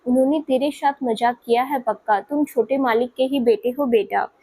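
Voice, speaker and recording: A woman's voice: sits high, moderate pace, dark tone. A woman voicing a caring household auntie comforting a child in a spoken story. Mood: soothing. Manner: soothing, affectionate.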